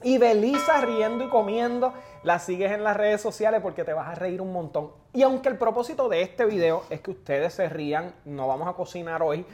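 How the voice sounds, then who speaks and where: A man's voice: high voice, animated, brisk, few pauses, darkish tone, a little hiss or hum. Joking man hosting a podcast. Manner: joking, playful, emotional. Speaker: podcast host. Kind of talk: casual chat. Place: guest's home.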